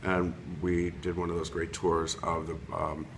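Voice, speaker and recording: A man in his fifties from Long Island, an interior designer giving an unrehearsed self-recorded video introduction. He talks haltingly, full of ums and restarts, into a computer webcam mic. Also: low-pitched, monotone, noisy background. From Long Island, New York.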